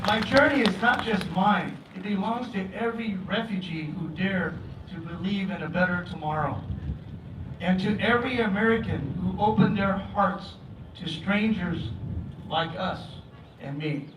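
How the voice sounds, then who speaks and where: A Vietnamese-born man in his fifties, whose first language is Vietnamese, gives an earnest, grateful prepared speech at a memorial ceremony on the outdoor deck of a museum ship. His voice is high-pitched and measured. The PA sound is echoey, distant, dull and noisy.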